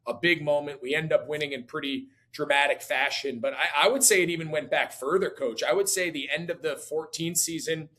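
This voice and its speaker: Relaxed male guest in his forties, slightly high voice, talks in looping, filler-heavy sentences. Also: brisk, few pauses. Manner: relaxed, full of fillers and restarts. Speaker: guest, former player. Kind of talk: casual conversation.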